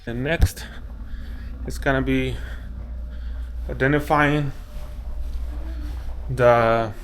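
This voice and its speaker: An access control installer, also a video host, narrates an unscripted hands-on job inside an office, instructing, thinking aloud, and often circling back to the same phrases. He speaks extremely slowly in a steady, medium-pitched voice, with slight background noise.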